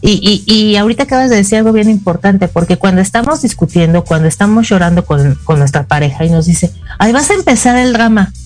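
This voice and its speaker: A woman's voice: medium pitch, quick pace, few pauses, darkish tone, soft background music. A middle-aged woman with a Mexican accent, a psychologist co-hosting a casual talk show and explaining with frequent "ajá" fillers. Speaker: psychologist co-host.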